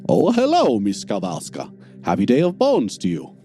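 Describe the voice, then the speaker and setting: A man voicing a portly grandfatherly shopkeeper, fussy, effusive and quick to temper, in a tabletop game. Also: on the low side, wildly swooping pitch, warm tone, soft background music. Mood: cheerful. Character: portly grandfatherly male shopkeeper, sugary to customers, bad-tempered.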